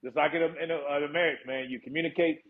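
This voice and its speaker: Guest: retired male first sergeant, easygoing, chuckles a lot, slightly high voice, phone-quality audio. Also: steady tone, quick pace. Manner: laid-back, laughs often, calls the listener "man". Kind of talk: casual interview talk. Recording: tinny phone-like line.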